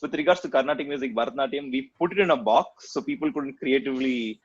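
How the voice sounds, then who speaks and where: Quick-talking young Tamil-accented man, slightly muffled. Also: mid-range voice, slightly rough. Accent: Tamil-accented Indian English. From Chennai, India. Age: 20s. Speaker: podcast host. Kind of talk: casual podcast chat.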